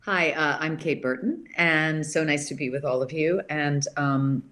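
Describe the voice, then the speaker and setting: A woman actor introducing herself on a panel, halting as she searches for words. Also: low voice, fairly even intonation, fairly bright tone. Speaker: actress on panel.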